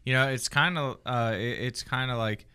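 A man co-hosting a podcast, talking in a halting way with many restarts. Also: medium pitch, sharp tone, smooth. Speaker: podcast co-host. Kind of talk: casual chat.

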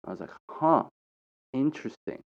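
A man's voice: medium pitch, animated, moderate pace, muffled recording. A young American man talking casually in a rambling vlog monologue, full of restarts and "like". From United States. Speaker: traveler sharing opinions.

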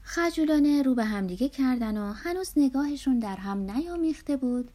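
Woman audiobook narrator, mellow, slightly high, soft and unhurried.

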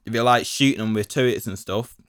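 A man's voice: medium pitch, brisk, fairly bright tone, clear, resonant tone, dry recording, clean studio sound. A young man telling a rambling story on his podcast, full of slang and fillers. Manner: rambling, slangy, full of fillers and 'do you know what I mean'. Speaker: podcast host. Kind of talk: casual solo storytelling.

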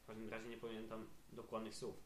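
A man's voice: on the low side, completely flat delivery, reverberant, a little hiss or hum. A teenage boy co-hosting a casual podcast chat with a dry, sarcastic manner. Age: teens. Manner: dry, sarcastic, quick jokes. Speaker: podcast co-host, student.

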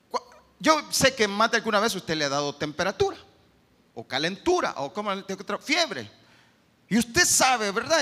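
A man preaching a sermon, swinging between loud urgent bursts and low quiet stretches. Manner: preaching with sharp swings in pitch and loudness. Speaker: pastor. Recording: long hall reverb.

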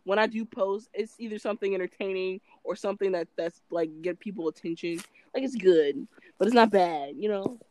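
A woman's voice: mid-range voice, fairly quick, warm tone, dry recording. Dry, close-miked young woman, playfully dramatic. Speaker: podcast co-host. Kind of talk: casual chat.

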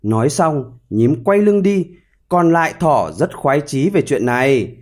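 An expressive male storyteller narrating a fable. His voice sits a little high and moves in lively, animated contours. The reading is scripted and vivid. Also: unhurried.

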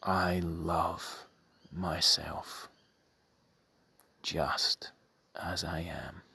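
Speaking in a hushed, breathy half-whisper, a man walks the listener through a meditation. His voice sits low and his tone stays steady, and he uses measured phrases separated by long pauses.

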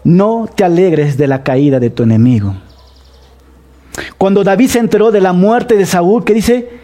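A middle-aged man with a Peruvian Spanish accent, preaching a sermon to his congregation, asking them questions and repeating key phrases slowly for emphasis. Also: sits high, warm tone. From Peru. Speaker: pastor. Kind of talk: sermon, Bible study.

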